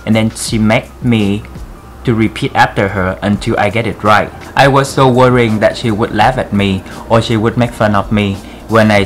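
A man's voice: lowish voice, fairly bright tone. A man from Vietnam with a thick Vietnamese accent, speaking earnestly to camera in simple, broken English to encourage others. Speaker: vlogger. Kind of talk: encouraging vlog talk to camera.

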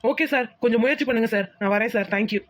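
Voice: medium pitch, fast talker, natural voice. A performer voicing a kind young village man who reassures a worried mother in a cartoon. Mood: reassuring. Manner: reassuring, soothing. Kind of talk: cartoon voice acting.

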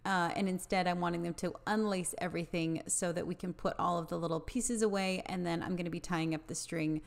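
A woman's voice: on the low side, steady tone, a little fast, creaky. A woman in her thirties, a home vlogger, explaining her cleaning routine in a plain, matter-of-fact voice-over. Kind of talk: voice-over narration.

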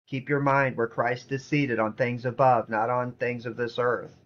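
A man's voice: mid-range voice, level tone, normal speed, fairly bright tone, highs cut off. A man preaching a sermon in an earnest, repetitive way, reading scripture passages aloud. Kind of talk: sermon teaching.

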